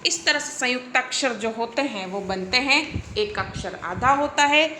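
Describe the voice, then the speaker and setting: A woman teacher with a bright, clear, slightly high voice gives a recorded lesson. She explains each point step by step and keeps checking in with her students. The sound is echoey, as if taped in a bare room. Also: expressive, moderate pace, a little hiss or hum. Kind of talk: recorded Hindi grammar lesson.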